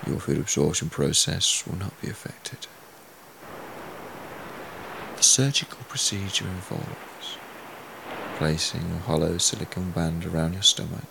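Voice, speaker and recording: Deep hypnosis guy, soothing n deliberate, croaky fry, noisy background ambience. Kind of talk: guided hypnosis relaxation.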